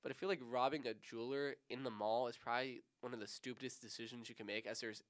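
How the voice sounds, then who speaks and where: A man's voice: medium pitch, steady tone, fast, clean tone. A man in his twenties co-hosting a podcast, chatting casually in a rambling, laid-back way. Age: 20s. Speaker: podcast co-host. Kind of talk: casual chat.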